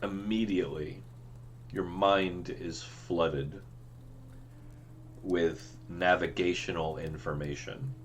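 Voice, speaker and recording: A man running a tabletop game as game master, narrating scenes in a slow, dramatic way. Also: low voice, steady tone, slight background noise.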